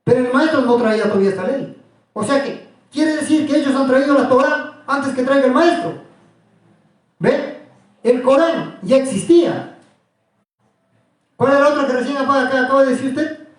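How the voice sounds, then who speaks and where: A man's voice: very high-pitched, normal speed, long pauses. A man teaching a small group about religion, asking questions again and again in an insistent way. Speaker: preacher. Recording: echoey room, voice from far off.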